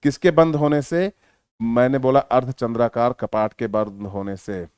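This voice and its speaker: A male teacher giving a lesson in a lively, teasing manner, at times explaining loudly and at times mumbling quietly while writing. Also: medium pitch, a little slow, clean tone, no echo, studio quality. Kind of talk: online lecture.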